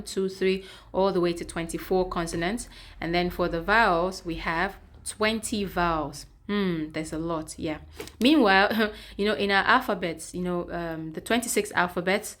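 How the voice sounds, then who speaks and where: A woman teacher giving a step-by-step pronunciation lesson, repeating sounds and checking in with "okay". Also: on the low side. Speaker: English teacher. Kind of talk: classroom-style pronunciation lesson.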